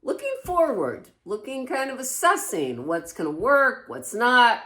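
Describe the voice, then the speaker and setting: Animated woman co-host, encouraging. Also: a little high. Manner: encouraging, quick affirmations, animated. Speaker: podcast co-host. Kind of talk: casual supportive chat.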